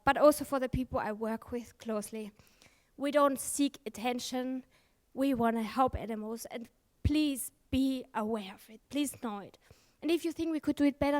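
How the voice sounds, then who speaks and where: A woman giving a conference talk, candid and emphatic, swearing freely and often correcting herself mid-sentence. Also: high-pitched. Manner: frequent self-corrections and fillers. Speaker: conference speaker. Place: conference stage.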